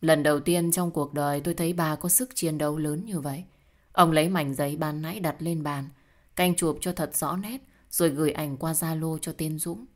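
Female narrator for a first-person drama; steady, somewhat low voice. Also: normal speed. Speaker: storyteller.

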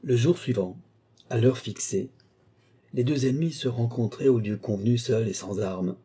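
A man reading a classic novella aloud in a measured, steady storytelling manner. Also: medium pitch, breathy edge. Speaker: audiobook reader. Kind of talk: scripted narration of a classic novella.

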